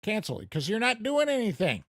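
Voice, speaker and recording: With a high voice that swoops wildly and a slightly fast delivery, an American man offers loose live-stream chatter over a farming game. He rambles, teases himself, and laughs at his own remarks, with no echo on the recording.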